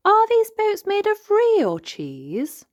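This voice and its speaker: A woman voicing a curious, excitable little girl pig from a storybook, with wide-eyed, drawn-out delivery. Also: very high-pitched, dry recording, pitched above the performer's own voice, exaggerated voice.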